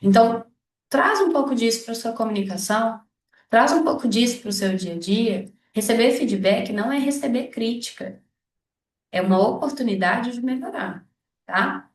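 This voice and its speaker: A woman's voice: on the high side, animated, normal speed. A Brazilian woman giving a workshop lesson on communication, talking directly and acting out short example dialogues. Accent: Brazilian Portuguese. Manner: direct, illustrates points with acted-out dialogues. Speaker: veterinary career instructor. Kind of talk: workshop lecture. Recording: roomy echo, voice from a distance.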